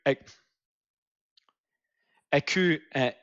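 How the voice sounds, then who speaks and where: A man hosting a live news panel discussion, talking haltingly with many fillers and restarts. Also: on the high side, a bit bright, muffled recording. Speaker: host.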